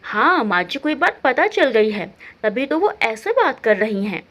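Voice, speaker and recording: A young daughter-in-law in a family storybook, played by a woman narrator, quick to take offence and indignant in her retorts. The voice is high with wide swings in pitch. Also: big pitch swings, fairly bright tone.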